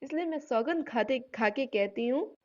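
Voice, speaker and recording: A woman with a high voice teaches a poetry class. She recites lines slowly and with weight, then breaks them down in everyday speech. The recording is muffled and lo-fi. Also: expressive. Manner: recites verses slowly and drawn-out, then explains in plain talk. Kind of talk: Hindi literature lesson.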